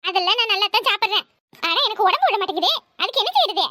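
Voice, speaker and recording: A woman's voice: very high-pitched, animated, bright, forceful tone, no echo, studio quality, full character voice. A woman voicing a scheming, bossy young married woman in a cartoon, talking with a Kanyakumari Tamil accent. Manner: bossy, scolding, fast chatter. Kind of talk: cartoon voice acting.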